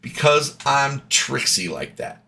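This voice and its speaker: A man running a tabletop game as dungeon master over a voice call, narrating in a halting, playful way with many fillers. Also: medium pitch, sing-song, vocal fry, bright, forceful tone, a little hiss or hum. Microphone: voice call mic.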